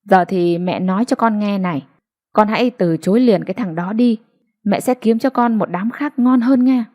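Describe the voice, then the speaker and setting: Reading an audiobook, a woman voices a stubborn, bossy older mother who bluntly and firmly dismisses her daughter in a scolding mood. Her own voice is natural, mid-range and mellow, at a moderate pace.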